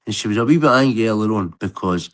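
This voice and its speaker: A man's voice: lowish voice, animated, quick pace. A Scottish man with a Glasgow street accent, arguing bluntly and swearing freely on a live stream. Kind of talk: heated argument on a live stream.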